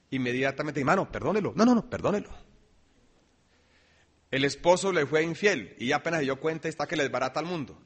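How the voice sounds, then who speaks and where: A man preaching a sermon, swinging between loud emphasis and quiet asides. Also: on the high side. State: dry throat, coughing.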